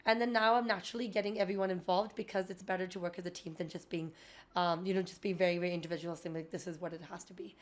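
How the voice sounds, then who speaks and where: A woman's voice: on the low side, fairly even intonation, very fast. A young woman with a Canadian accent, a physiotherapist guest giving earnest, rambling advice in a casual interview, full of fillers.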